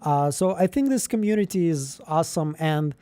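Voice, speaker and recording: A chatty livestream host from Israel, whose first language is Russian, speaks in a slightly high, dark-toned voice with lively intonation at normal speed. His casual chat rambles, packed with fillers and restarts.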